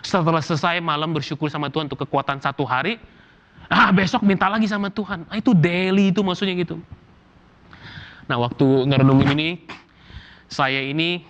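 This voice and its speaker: A man from Indonesia preaching a sermon as pastor, animated and casual, acting out everyday complaints. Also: fairly high pitch, fairly quick, pauses often, dull audio, slight background noise. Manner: animated, acts out quoted complaints in casual slang.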